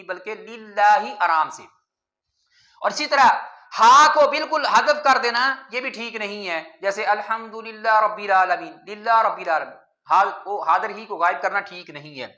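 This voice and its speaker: A man teaching a Quran pronunciation lesson, patiently repeating words slowly to contrast right and wrong recitation. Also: very high voice, bright, forceful tone, reverberant.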